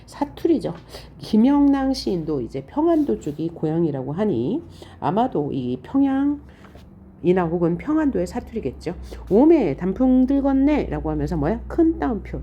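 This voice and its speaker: A woman teaching a Korean literature lecture, explaining poems and reading lines aloud with lively, questioning emphasis. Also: sits low, lo-fi sound, slight background noise. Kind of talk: online lecture on poetry.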